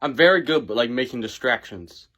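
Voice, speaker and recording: A man's voice: medium pitch, animated, brisk, pushed and bright, voice pushed down. A man playing a sneaky, phony superhero who bluffs in a comedy sketch. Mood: sly. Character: sneaky, phony superhero claiming sound-mimicking power.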